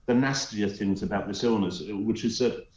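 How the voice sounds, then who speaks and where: The guest commentator, a middle-aged man with a Teesside accent from North East England, offers emphatic, scornful remarks on a talk show, stumbling over many uhs. He's on a remote link from home, and his low, slightly mellow voice moves at normal speed through lo-fi, echoey audio.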